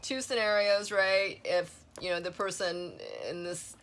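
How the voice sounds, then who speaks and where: A woman's voice: mid-range voice, fairly even intonation, unhurried, fairly bright tone. Rambling woman giving a tarot reading. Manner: rambling, many "you know" fillers. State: losing her voice. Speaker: tarot reader. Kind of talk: casual spoken tarot reading.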